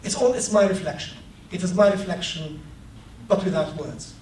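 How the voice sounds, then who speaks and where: A Palestinian author giving a talk discusses his book at a moderate pace, his voice a little high for a man. He's hesitant, with many ums, but becomes animated when telling anecdotes in this reflective storytelling. The mic is far off in an echoey room, with faint hiss.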